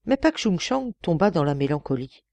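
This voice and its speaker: A woman narrating an audiobook with expressive storytelling. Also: deep voice, normal speed, vocal fry, dry recording. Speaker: audiobook reader.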